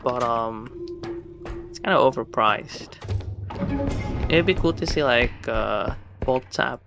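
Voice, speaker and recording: This streamer's voice is medium-pitched with vocal fry, and he speaks slowly while playing solo, game music running behind him. His commentary is casual and chatty, wandering off and then self-correcting.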